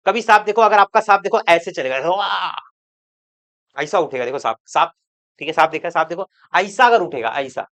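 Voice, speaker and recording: A man's voice: high-pitched, fairly bright tone, smooth. A man teaching chemistry in an online lecture, chatty and joking with students, repeating words for emphasis. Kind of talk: online exam-prep lecture.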